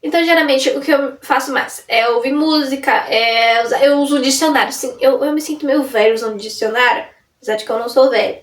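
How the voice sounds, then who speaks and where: Recorded from a distance off the mic in a roomy space, a young woman with a high, fast voice chats casually to the camera in a vlog. She rambles, often interrupting herself and restarting sentences.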